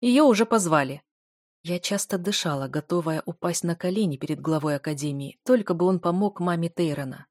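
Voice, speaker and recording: A woman's voice: lowish voice, brisk, few pauses, a little mellow, no room sound, studio quality. Woman narrating a fantasy audiobook.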